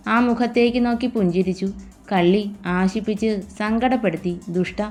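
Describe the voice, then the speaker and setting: A woman storyteller giving scripted narration of a romance story in a soft, steady, emotive way. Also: on the high side. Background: soft music.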